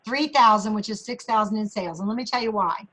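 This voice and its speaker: A woman leading her sales team in a motivational talk on a video call, chatty and energetic, repeating phrases for emphasis. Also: mid-range voice, fast, poor audio.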